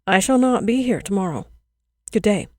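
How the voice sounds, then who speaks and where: A woman's voice: mid-range voice, expressive, moderate pace, dry recording, studio quality, close to an everyday voice. A woman voicing a strange, sly village girl who speaks coolly and with superiority in a storybook reading.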